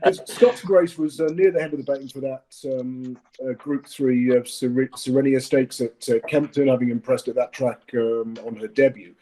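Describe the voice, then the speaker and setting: A man's voice: mid-range voice, fairly even intonation, normal speed, hardly any pauses, mellow, low-quality recording. A man giving his horse racing tips in a casual chat, often hesitating with fillers and restarts. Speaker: racing tipster.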